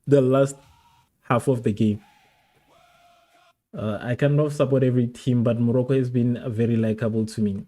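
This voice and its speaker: A man from South Africa hosts a live watchalong stream, chatting casually with his viewers. His voice sits in a mellow, middle register, and he laughs often and repeats phrases as he reads and answers comments. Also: mid-range voice. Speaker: livestream host.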